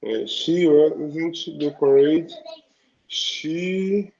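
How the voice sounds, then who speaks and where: Slow halting student on muffled call. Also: male voice, a little high, mellow. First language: Portuguese. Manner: halting reading with restarts.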